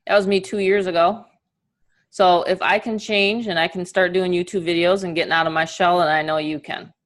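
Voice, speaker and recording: Female webinar coach, New York accent, slightly low voice. Chatty, upbeat motivational delivery, informal and high-energy. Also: fairly even intonation, brisk. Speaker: online marketing coach and host. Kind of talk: casual webinar training and motivational talk.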